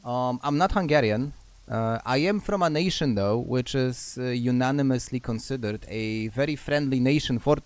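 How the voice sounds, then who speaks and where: A man's voice: medium pitch, normal speed, a little mellow, no room sound. A man from Poland chatting casually with viewers while streaming a game, laughing often and trailing off mid-thought. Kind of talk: casual chat while gaming.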